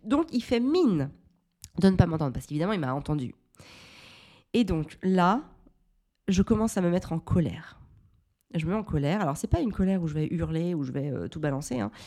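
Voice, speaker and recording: A woman in her thirties hosts a parenting podcast and tells a personal story in a low, mellow voice. Her delivery is candid and reflective, and she often restarts her sentences. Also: expressive, normal speed, long pauses.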